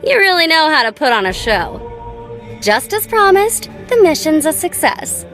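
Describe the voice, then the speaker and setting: Here the same American voice actress uses a high, sing-song, slightly bright tone at normal speed for her playful young female gun-tech tinkerer. The mood is cocky and playful, the delivery light, girlish, teasing, breezy and casual. It's a studio recording of scripted game lines set against background music.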